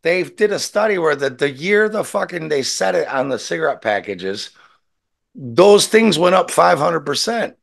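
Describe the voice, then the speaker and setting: A man's voice: fairly high pitch, very animated, normal speed, gravelly, a bit bright. A man chatting casually and telling rambling anecdotes with quoted dialogue and free swearing, talking while smoking a cigarette. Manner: rambling storyteller who swears freely and acts out quotes. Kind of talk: casual chat, animated anecdotes.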